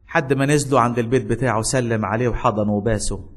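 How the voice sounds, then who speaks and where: A man's voice: medium pitch, racing. A man with an Egyptian accent preaching a sermon, telling a story and calling out questions to his congregation. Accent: Egyptian Arabic. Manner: animated, calls out questions to the congregation.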